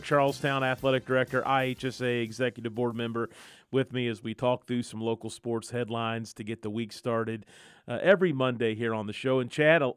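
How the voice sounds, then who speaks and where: A man's voice: mid-range voice, clear, resonant tone, dry recording, clean studio sound. A man hosting a sports radio talk show in an easygoing, conversational way. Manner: easygoing, conversational, lays out the show's topics. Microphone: studio microphone.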